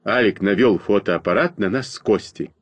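A man reading a children's story aloud in a plain, even narrating voice. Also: on the low side, moderate pace, no room sound, muffled recording.

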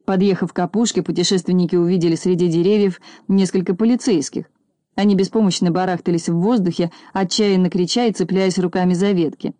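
A woman's voice: lowish voice, a little fast, dry recording. Woman reading a storybook aloud. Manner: lively, expressive reading. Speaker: narrator.

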